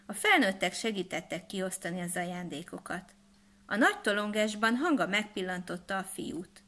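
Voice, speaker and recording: A woman narrating a children's storybook in a calm, even storytelling manner. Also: medium pitch.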